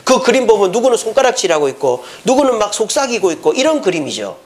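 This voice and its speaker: A male pastor delivers a Sunday sermon with a high voice. His pitch rises and falls in big, lively swings. He keeps putting questions to the congregation as he preaches. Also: fast. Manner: animated, asks the congregation questions.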